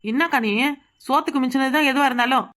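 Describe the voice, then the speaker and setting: A woman voices a sharp-tongued young village woman in a cartoon comedy, speaking with a Kanyakumari Tamil accent. Her voice sits high and moves fast, and her tone is sarcastic, irreverent and mouthy.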